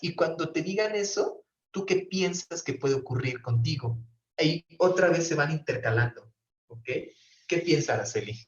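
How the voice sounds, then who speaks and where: A man's voice: on the high side, animated, moderate pace. A man teaching a therapy class online, explaining step by step and often checking in with his students. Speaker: professor teaching brief therapy. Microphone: computer mic on a video call. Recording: roomy, distant, dull video-call audio.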